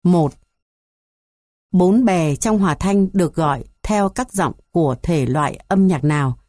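A woman reading a music theory textbook aloud in an even, measured way, going through numbered points. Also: on the low side, no echo, clean studio sound. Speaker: textbook reader.

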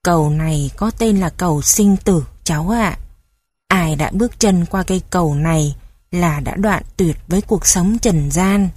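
A woman's voice: fairly low pitch, unhurried, breathy edge. A woman doing a stern old grandfather ghost. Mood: grave. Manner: grave, commanding, gentle with children.

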